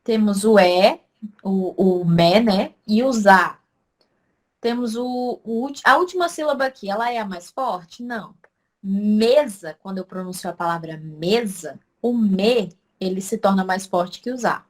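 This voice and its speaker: Female teacher for a recorded online class, mid pitch, walks through examples, punches out syllables. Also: measured pace. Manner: explains step by step, answers her own questions; stresses syllables loudly to demonstrate. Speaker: Portuguese language teacher.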